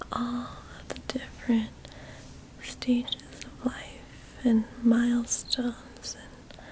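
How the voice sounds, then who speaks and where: A woman doing an ASMR whispered role-play as an affectionate, teasing childhood best friend, in a soft, soothing spa-like whisper meant to relax. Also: fairly high pitch, rough recording.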